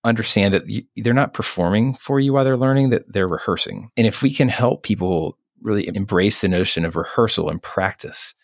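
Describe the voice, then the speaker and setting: A middle-aged man, a physician guest, speaking in an earnest, thoughtful, measured way in a reflective interview. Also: lowish voice, no echo, clean studio sound.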